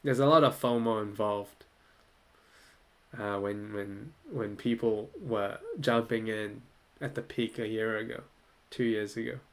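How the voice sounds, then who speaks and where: A young man from Malaysia, hosting a casual livestream Q&A at his desk, relaxed and chatty, often laughing and thinking aloud. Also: fairly low pitch, unhurried. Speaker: livestream host answering viewer questions. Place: small room indoors.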